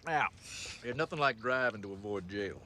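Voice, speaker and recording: An actor playing a crude, boastful dad from the who teaches reckless driving. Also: male voice, lowish voice, expressive, normal speed, sharp tone.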